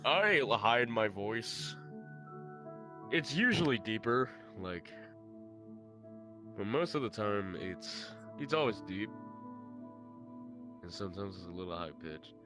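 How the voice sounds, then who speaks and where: A young Southern American man talks haltingly in a casual late-night podcast, stumbling over his first words. His voice is fairly low, with music playing behind. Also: sing-song. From Southern United States. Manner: halting, repeats words as he starts. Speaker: podcast co-host.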